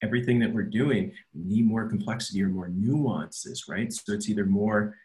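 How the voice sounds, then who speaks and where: A man with a fairly low voice hosts a relaxed podcast conversation. He explains his ideas in long, winding stretches and keeps checking in with his listeners as he goes. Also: normal speed, rough recording. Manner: explanatory, leans on tag questions. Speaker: podcast host. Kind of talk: casual chat.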